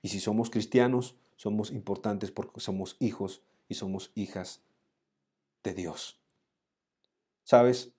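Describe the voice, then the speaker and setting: Earnest man teaching scripture, mellow tone. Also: lowish voice, steady tone, slow pace, long pauses, slightly rough. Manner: earnest, addresses listener directly. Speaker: Bible teacher. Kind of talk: Bible study teaching.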